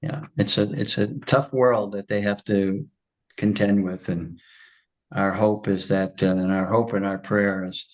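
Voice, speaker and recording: A man, a retired schoolteacher, leading a spiritual class and telling a story in a casual, animated way. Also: fairly low pitch, measured pace, rough recording. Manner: animated storyteller, acts out quoted voices. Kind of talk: casual storytelling after a lecture.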